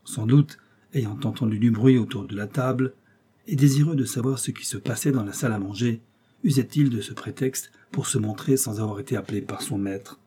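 A man narrating an adventure novel aloud in a measured, dramatic storytelling manner. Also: mid-range voice, warm tone, slightly rough. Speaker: audiobook narrator. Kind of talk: scripted narration.

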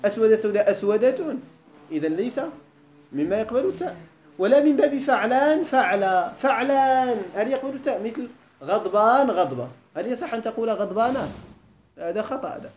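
A man's voice: high voice, expressive, brisk, darkish tone, roomy sound, a little hiss or hum. A man with a Moroccan accent giving a grammar lecture, often checking that his students follow. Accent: Moroccan Arabic. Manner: quizzes students with repeated questions. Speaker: teacher of Arabic grammar. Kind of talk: classroom lecture. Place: lesson hall.

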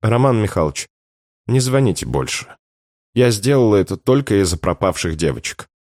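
A man's voice: fairly low pitch, sing-song, moderate pace, darkish tone, no echo, clean studio sound, voice pushed up. A man voicing a worn-out young mother who speaks curtly and guardedly.

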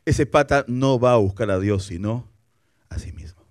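A man preaching a sermon as a guest pastor, animated, acting out quotes and asking the listeners questions. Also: mid-range voice, moderate pace, no echo, studio quality. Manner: animated, acts out quotes, asks rhetorical questions. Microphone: broadcast for television.

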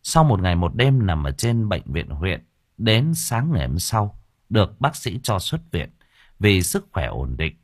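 A man narrating an audiobook in a lively, crude, colloquial way. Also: low-pitched, unhurried, no room sound, clean studio sound. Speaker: storyteller.

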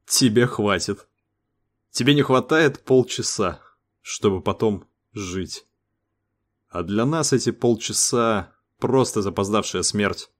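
A man's voice: on the low side, slow pace. A man voicing a sardonic male cosmonaut in an audiobook, muttering with sarcasm. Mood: sarcastic. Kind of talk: audiobook character voice.

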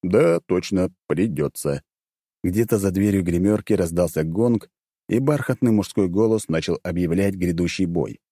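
A man's voice: sits low, moderate pace, dark tone, no room sound, studio quality. A man narrating first-person fiction as an audiobook, in a wry, sardonic tone.

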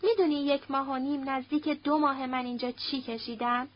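Frightened young woman in an audiobook, pleading colloquial talk, high voice, muffled lo-fi audio, read by a woman. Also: fairly even intonation, close to an everyday voice. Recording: dull lo-fi recording.

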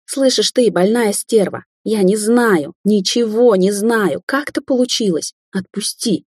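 A woman's voice: fairly low pitch, lively intonation, normal speed, warm tone, husky, no room sound, studio quality. A woman voicing a frightened, wary young woman in an audiobook, tense and cautious, crying out when hurt.

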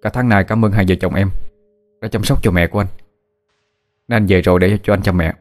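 A man's voice: sits low, steady tone, fairly quick, lightly acted. A man voicing a weeping young son. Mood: calm. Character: young man back from jungle, weeping with relief.

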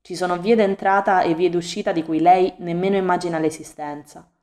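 A cool, unbothered cat who speaks with a silky, overly smooth drawl, toying with everyone around him. A woman reads him aloud in a fairly low voice, as part of a storybook audiobook. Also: fairly even intonation, fairly quick, a little mellow, close to an everyday voice. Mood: aloof. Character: aloof, smug male cat, cruel to prey. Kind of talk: audiobook reading.

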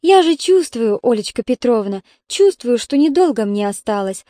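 A woman's voice: on the high side, very animated, moderate pace, dark tone, no echo. A woman voicing an old grandmother, a retired nurse, stubborn and tearful, speaking in a pleading, plaintive way. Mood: resigned.

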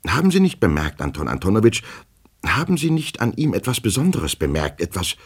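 A man's voice: on the low side, wildly swooping pitch, slightly rough, pitched above the performer's own voice, full character voice. A man putting on a stammering, anxious clerk. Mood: insistent. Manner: stuttering, halting, full of hesitations. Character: stammering anxious male clerk, timid, tearful.

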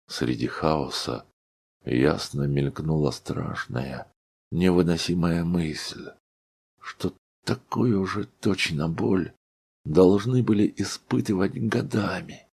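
A man reading a literary audiobook in a slow, somber storytelling manner. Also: deep voice, gravelly, a little mellow, breathy edge. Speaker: audiobook reader.

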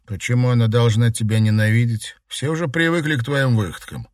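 A man's voice: medium pitch, a little fast, dry recording, clean studio sound, voice pushed up, natural voice. A man voicing an angry, protective teenage brother in an audiobook, scolding and insistent.

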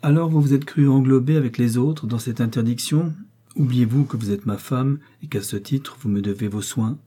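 Haughty prince read by a man, cold and sarcastic, dark husky tone, audiobook. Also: medium pitch, moderate pace, lightly acted. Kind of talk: audiobook character reading.

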